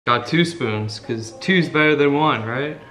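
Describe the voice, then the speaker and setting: Excitable young man, slow casual vlog chat. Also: mid-range voice, slight background noise. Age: 20s. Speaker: food challenge vlogger. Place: home kitchen and dining room, indoors. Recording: music behind the voice.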